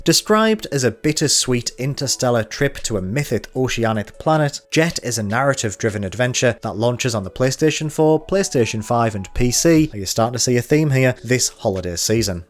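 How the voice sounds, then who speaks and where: A man's voice: medium pitch, lively intonation, moderate pace, few pauses. A man with a Geordie accent reading a scripted games news voice-over, with wry, dry jokey asides. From North East England. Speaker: games journalist.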